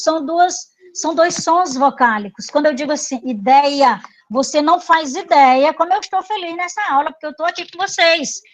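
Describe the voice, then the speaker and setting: In this low-quality recording, a high-voiced woman with a Brazilian Portuguese accent leads an online grammar review. She takes a patient approach, repeats examples, and checks in with her students along the way.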